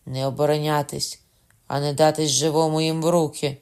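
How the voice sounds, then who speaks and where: A wounded young nobleman, played by a male reader, gasping out strained, gravelly words. His speech comes slowly and weakly, rising into fervent desperation. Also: fairly high pitch, little pitch movement, a little mellow, lightly acted. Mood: desperate. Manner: faint, strained whisper then fervent.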